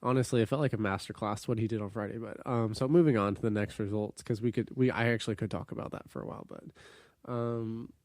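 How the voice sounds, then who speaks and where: Studio-quality audio with no room sound captures a fast-talking young man with a fairly low voice. He's a co-host on a relaxed, casual sports podcast, saying um a lot, and his voice is stuffy and nasal because of a cold.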